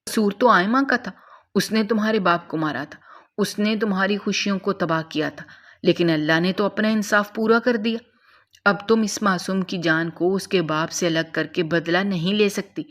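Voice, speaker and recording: A woman's voice: mid-range voice, fairly bright tone, lightly acted. A woman voicing a stern, worried older mother who scolds her daughter in a storybook narration. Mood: scolding. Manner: scolding, urgent.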